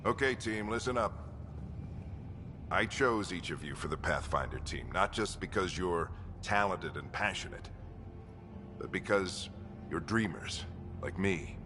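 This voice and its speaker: Casting: seasoned sci-fi team leader, very low voice, authoritative, fatherly, rousing, over a clear musical score. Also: animated, a little slow, pauses often, over music. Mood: rousing, commanding. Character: seasoned male expedition commander and father, inspiring, steady. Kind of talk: cinematic video game acting.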